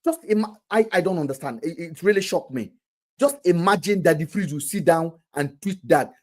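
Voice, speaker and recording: A man's voice: fairly high pitch, animated, moderate pace. A man hosting a casual live stream, talking animatedly and often restarting his words.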